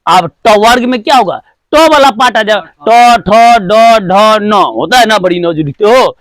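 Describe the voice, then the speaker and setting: High-pitched and lively, this male teacher's voice has a fairly bright tone and moves at a moderate pace with no room sound. He gives a grammar lesson, repeating each point, drilling sounds one by one, and answering his own questions.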